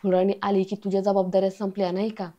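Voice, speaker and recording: A hesitant young husband who keeps backpedaling, as a woman reads him. The delivery stays even and mellow. The audio is a little dull. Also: medium pitch, fast, close to an everyday voice. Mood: probing.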